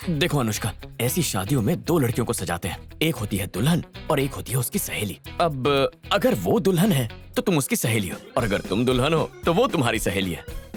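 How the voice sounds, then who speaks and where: An actor dubbing a quick-witted young man who patiently smooths things over. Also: mid-range voice, big pitch swings, faint music behind, lightly acted. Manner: patient, explaining. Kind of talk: Hindi film dub. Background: film score.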